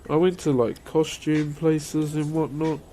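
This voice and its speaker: A man's voice: fairly high pitch, flat delivery, a little slow, warm tone, slight background noise. A man with a broad New Zealand accent, chatting casually as a live streamer and answering viewers in a colloquial, matey way. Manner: laid-back and colloquial, peppering talk with "bro" and "eh".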